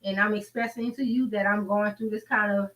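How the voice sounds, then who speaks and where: A woman's voice: mid-range voice, fairly even intonation, fairly quick, a bit bright, low-quality recording. An American woman co-hosting a talk show, chatting casually and preaching in an earnest, exhortative way. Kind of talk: casual chat with preaching and prayer.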